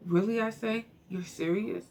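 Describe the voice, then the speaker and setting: Faint noise sits behind a woman reading a book informally as an amateur narrator. Her mid-range voice is steady, a little mellow, and moves at normal speed, though she stumbles over words and drifts into chatty self-directed asides.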